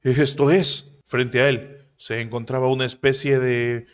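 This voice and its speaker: A man narrating a manhwa story recap, briefly raising his pitch to voice the characters he quotes. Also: level tone, moderate pace, smooth, long reverb tail.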